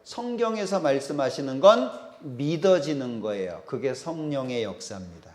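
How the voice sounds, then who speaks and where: A man's voice: medium pitch, expressive, normal speed, darkish tone. A man preaching a sermon as a pastor. He asks the congregation questions, answers them himself, and acts out the voices of the people in the Bible story.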